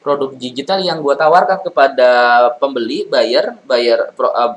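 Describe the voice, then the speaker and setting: A man's voice: mid-range voice, expressive, unhurried, rough recording. A man giving business advice in a loose, chatty monologue, full of fillers and restarts. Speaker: property and business consultant.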